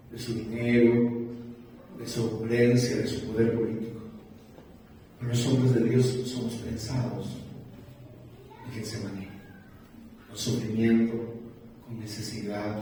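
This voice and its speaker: Preacher in an echoey church hall. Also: male voice. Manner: storytelling preacher, swinging between loud emphatic peaks and quiet low passages. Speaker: pastor. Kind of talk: sermon. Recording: echoey church hall from far off, faint noise.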